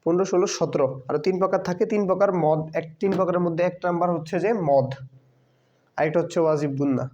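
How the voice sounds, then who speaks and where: A man teaching a Quran tajweed class online, patiently drilling Arabic letters and vowel marks, repeating each sound slowly for students to follow. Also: on the high side, fairly even intonation, warm tone. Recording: dull lo-fi sound.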